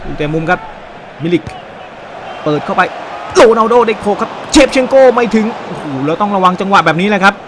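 A man giving excited, animated play-by-play commentary on a football video game, with frequent exclamations and a Thai accent. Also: sits high, a little fast, background noise. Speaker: gaming YouTuber.

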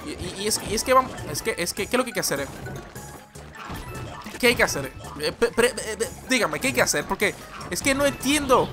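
A man giving excitable, rambling let's-play commentary as a gaming channel host, yelling at the game as he plays. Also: sits high, brisk. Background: game music.

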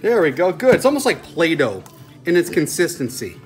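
A man's voice: on the high side, very animated, normal speed, soft background music. Man demonstrating home cooking. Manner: folksy, step-by-step explaining while stirring. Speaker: home cooking show host. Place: home kitchen indoors.

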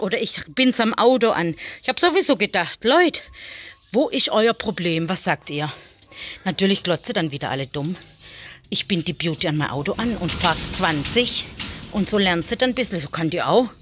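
A woman, chatting casually for a family vlog as she talks to her animals and sometimes drops into soft muttering. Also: medium pitch, dry recording. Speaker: family vlogger. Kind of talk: casual vlog chat while looking after rabbits.

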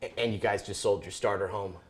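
A man's voice: on the low side, steady tone, fast talker, lightly acted. An actor in his thirties playing Richard, a broke, anxious cousin who stammers and pleads, recorded indoors in a house. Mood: pleading. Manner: hesitant, stammering, then pleading. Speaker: actor in a short film. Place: house basement and kitchen, indoors.

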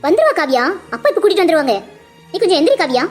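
A woman voicing a calm, caring older woman who soothes a crying girl and gives her instructions. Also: extremely high pitch, rapid-fire, soft background music. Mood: soothing. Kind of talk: cartoon voice acting.

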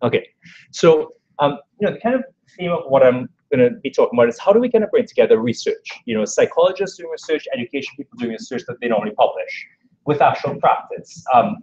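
A man's voice: mid-range voice, expressive, fast, darkish tone, slight background noise. A man from Trinidad and Tobago with a Trinidadian accent, giving a research talk as an assistant professor at an academic workshop, explaining with frequent "you know" and "kind of". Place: lecture room at a workshop. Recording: dull lo-fi lecture recording.

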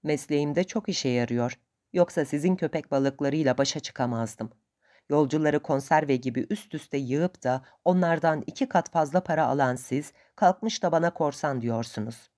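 A woman voicing a greedy, sharp-tongued male boatman who answers back in quick, defiant retorts. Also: low-pitched, close to an everyday voice.

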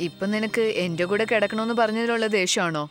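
A woman voicing a headstrong sharp-tongued village girl. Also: mid-range voice, quick pace, faint music behind, natural voice. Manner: bold, sharp-tongued, demanding. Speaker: dubbing actress voicing the heroine. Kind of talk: Malayalam film dub acting.

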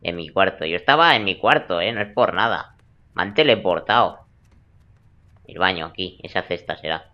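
A man's voice: deep voice, animated, moderate pace, muffled recording. A young man giving joking, crude gameplay commentary in a teasing, playful way. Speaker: let's play gamer.

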